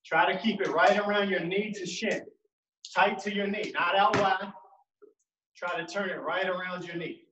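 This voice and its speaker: A man with a high, unhurried voice coaches a dribbling workout, counting reps and shouting cues. He sounds far from the mic in an echoey room, with loud noise behind him. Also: fairly even intonation, highs cut off. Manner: calls out counts and cues, encouraging. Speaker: basketball coach. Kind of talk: home workout drill instruction.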